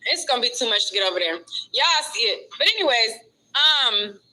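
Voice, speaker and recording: A woman's voice: on the high side, big pitch swings, normal speed, pushed and bright, poor audio. A woman streaming casual commentary from outside a courthouse, reading notes aloud and adding chatty asides. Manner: chatty, reads aloud then adds asides. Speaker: vlogger reporting outside a courthouse.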